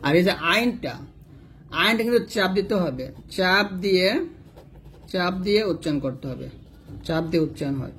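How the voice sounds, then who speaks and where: A man teaching Quran letter pronunciation, slowly drilling syllables and patiently repeating each point. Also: high-pitched, expressive, fairly bright tone, a little hiss or hum. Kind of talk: slow instructional explanation with drilled letter sounds.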